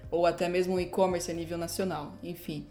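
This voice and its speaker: A woman speaking as a digital designer guest on a podcast, talking in a lively, casual way. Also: fairly low pitch, brisk, faint music behind.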